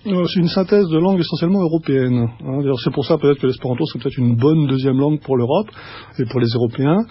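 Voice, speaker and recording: Man, husky voice, radio guest, halting explanatory manner, dull lo-fi radio audio. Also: mid-range voice. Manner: explanatory, halting with many restarts and fillers. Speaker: guest speaker. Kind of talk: radio studio conversation.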